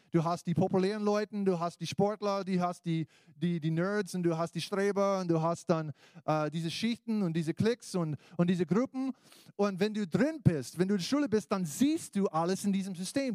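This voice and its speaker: A pastor with a somewhat high, slightly mellow voice preaches an informal evangelical sermon, urging listeners directly in everyday language. He's a native English speaker whose American accent comes through in German, and the recording is studio quality with no room sound.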